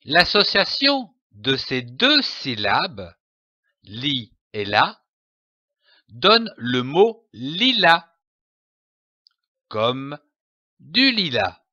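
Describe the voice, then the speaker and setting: A man teaching a reading lesson, spelling out syllables slowly and clearly with emphatic delivery. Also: mid-range voice, huge pitch swings, pushed and bright, no echo, lo-fi sound. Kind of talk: slow, deliberate reading lesson.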